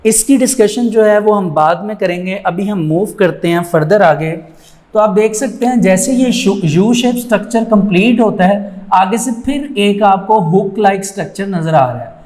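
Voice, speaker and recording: A man teaching a biology lecture over a diagram. He slips English terms into his Urdu and repeats each key term slowly. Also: high-pitched, a little mellow.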